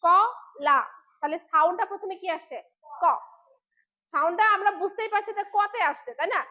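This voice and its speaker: A woman's voice: very high-pitched, a little fast. A woman teaching phonics to young children, sounding out each letter sound and asking questions. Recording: dull lo-fi sound.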